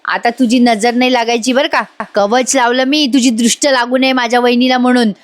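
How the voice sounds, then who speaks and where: A woman's voice: a little high, fairly even intonation, brisk, close to an everyday voice. Woman voicing a cheeky teasing young man.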